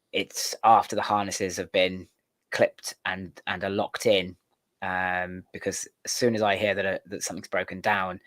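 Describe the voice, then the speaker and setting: A man with a very low voice hosts a relaxed studio interview. He talks in long, earnest, winding sentences. The sound is close and dry, with no room echo. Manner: rambling, earnest. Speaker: podcast host. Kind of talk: casual interview chat.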